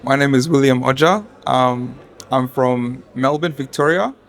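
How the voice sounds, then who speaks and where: A man who was team leader, answering interview questions in a measured way with fillers. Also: mid-range voice, soft background music.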